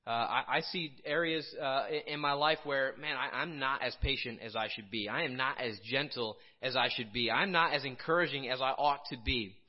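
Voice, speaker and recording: A man from Illinois preaching a casual sermon, conversational and halting, with frequent restarts and fillers. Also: mid-range voice, dull audio. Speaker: pastor.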